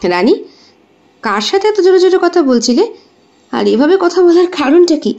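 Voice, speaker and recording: A woman's voice: very high-pitched, big pitch swings, normal speed, dark tone, pitched above the performer's own voice, heavily acted. A woman voicing a caring young male doctor in an audio story, earnest and reassuring. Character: young man, caring doctor, devoted suitor. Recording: dull lo-fi recording.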